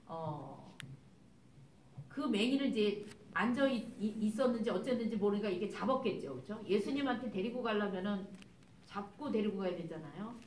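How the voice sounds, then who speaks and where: Woman missionary preacher, fairly high voice, emphatic, rhetorical questions, echoey sanctuary, far mic. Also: a little hiss or hum. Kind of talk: sermon. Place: church sanctuary. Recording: echoey church hall, distant mic.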